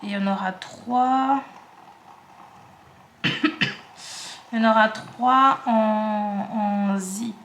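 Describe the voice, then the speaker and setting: A woman's voice: mid-range voice, fairly even intonation, drawn-out words, pauses often, fairly bright tone, roomy sound, slight background noise. A woman in her twenties from the Paris suburbs, chatting casually and rambling while she sorts her craft supplies at home. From Paris suburbs, France. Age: 20s. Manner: chatty, rambling, self-interrupting. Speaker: craft vlogger.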